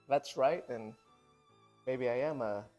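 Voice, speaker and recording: A man's voice: medium pitch, unhurried, dark tone, soft background music. A young man co-hosting a casual podcast, joking around and laughing a lot. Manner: joking, laughs often, playful. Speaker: podcast co-host. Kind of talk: casual chat.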